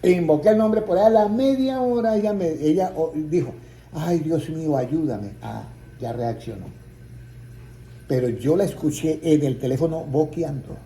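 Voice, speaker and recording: Male preacher, storytelling testimony, somewhat high voice, roomy sound with faint ambience. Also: moderate pace, dark tone, a little hiss or hum. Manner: storytelling, acting out quoted voices, rising to emphatic peaks.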